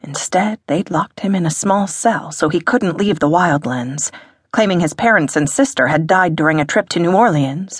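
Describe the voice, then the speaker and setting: A woman reading an audiobook in a measured, dramatic narration. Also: low voice, breathy edge, no room sound, clean studio sound. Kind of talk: scripted narration.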